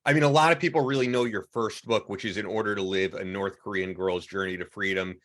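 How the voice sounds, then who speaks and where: A man's voice: fairly low pitch, fairly even intonation, fast talker, a bit bright. A man hosting a podcast, introducing his guest with enthusiastic, rambling praise and plenty of fillers. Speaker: podcast host. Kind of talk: podcast interview.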